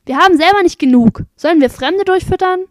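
Shrill, indignant townsfolk snap and scold in raised, loud voices, put on by a woman reading a storybook. They speak fast and sharp. The recording sits close and dry. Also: no room sound. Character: hostile, scolding townsfolk turning a beggar away.

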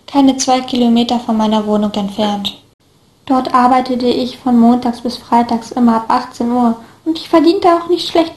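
A woman narrating a first-person story in a steady, even reading voice. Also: a little high. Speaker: audiobook reader. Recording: echoey room.

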